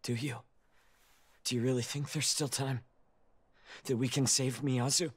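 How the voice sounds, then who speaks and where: Serious young student, very husky voice. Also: male voice, medium pitch, fairly even intonation, unhurried. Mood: doubtful. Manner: subdued, formal, serious. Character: serious, troubled, self-blaming young male honor student. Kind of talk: scripted video game acting.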